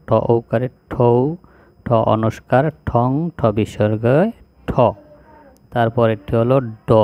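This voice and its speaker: Male teacher voice for a kids' spelling lesson, flat and steady delivery. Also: mid-range voice, clean tone. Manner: slow, even, drilling recitation of syllables. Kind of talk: slow spelling lesson recitation.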